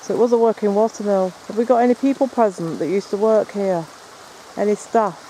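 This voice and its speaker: A paranormal investigator films himself investigating the woods by a stream at night in the rain, rambling casually and explaining as he goes. His voice is high but dark-toned and a little fast, and the poor audio carries slight background noise.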